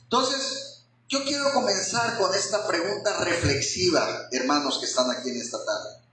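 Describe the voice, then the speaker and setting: A man preaching an expository sermon to his congregation in a church hall, often pausing to ask them rhetorical questions. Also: sits high, sharp tone, slight background noise. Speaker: pastor. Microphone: handheld microphone.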